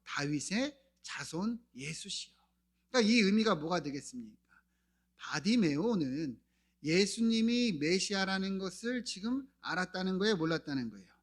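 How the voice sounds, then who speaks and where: A male pastor preaching a sermon, asking the congregation questions and answering them himself, his delivery swinging between loud calls and soft near-whispers. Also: high voice, lively intonation, normal speed. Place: church.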